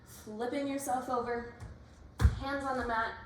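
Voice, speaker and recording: A female workout instructor is heard from a distance in a very reverberant room, with faint noise underneath. She coaches in short, directive cues, briskly counting and naming each move. Her voice sits at an average pitch for a woman. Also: steady tone. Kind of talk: exercise class coaching, cueing moves and counts.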